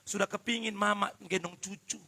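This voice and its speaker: A man preaching a live worship sermon, joking with the congregation and swinging from quiet asides to shouted emphasis. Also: high voice, fairly even intonation, brisk. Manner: addresses the congregation directly and often. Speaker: pastor.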